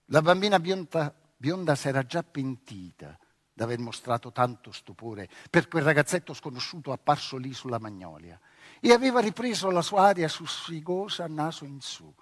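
A man narrating a novel in an expressive storytelling manner, close to the mic. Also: a little high, moderate pace, no room sound. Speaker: audiobook reader. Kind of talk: scripted literary narration.

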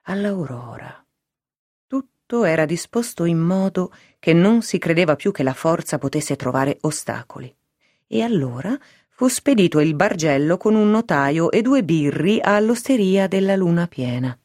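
A reader narrating a classic novel aloud in a measured, expressive storytelling manner. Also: medium pitch, no echo, studio quality. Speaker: audiobook reader.

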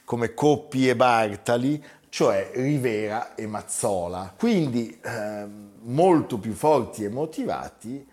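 A man telling football history conversationally on a talk show, emphatic and pausing for effect on key words. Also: mid-range voice, lively intonation, darkish tone.

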